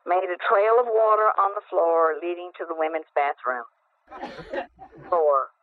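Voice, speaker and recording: A woman radio host reading a comic letter aloud, in a deadpan, list-like way. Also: on the low side, no room sound. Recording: tinny phone-like dry radio audio.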